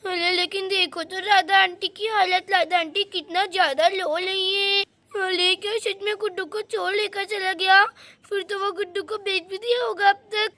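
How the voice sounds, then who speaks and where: A woman voicing a chatty, excitable little girl in a doll story. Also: very high voice, normal speed, no room sound, full character voice. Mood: eager. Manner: eager, chattering.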